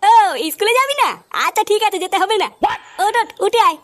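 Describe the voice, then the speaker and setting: A very high, quick woman's voice rattles through the rowdy, crude back-and-forth of a comedy cartoon. She plays many characters with the same loose comic energy. A faint hiss sits under the recording. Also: lively intonation, fairly bright tone. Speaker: cartoon voice artist.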